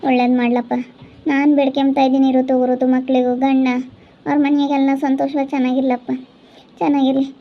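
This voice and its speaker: A woman vlogger with a rural Chitradurga Kannada accent, talking in an insistent, urging and consoling way. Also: high-pitched. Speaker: vlogger host. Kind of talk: casual chat and channel sign-off. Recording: dull lo-fi recording.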